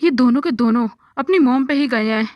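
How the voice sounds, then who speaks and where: A woman's voice: sits high, fairly quick, dry recording, muffled recording, close to an everyday voice. A woman voicing a tired young father who grumbles and pleads to be left to rest, in a fan audio drama. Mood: surprised. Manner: whiny complaining, pleading. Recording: background music under the voice. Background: loud background music.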